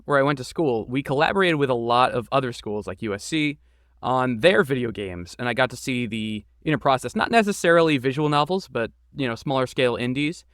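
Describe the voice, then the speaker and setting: Here a podcast guest who makes games and does voice acting responds to interview questions loosely, full of enthusiasm and poking fun at himself. He speaks in a mid-range voice that is fairly bright, clear and resonant. It's a studio-quality recording with no room sound.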